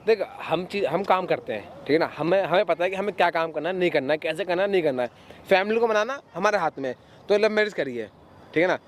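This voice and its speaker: A young man talks quickly in a high, light voice, lecturing a friend and repeating his points to persuade her. The talk is casual and everyday. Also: expressive, slight background noise. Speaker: YouTuber. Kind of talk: casual argument.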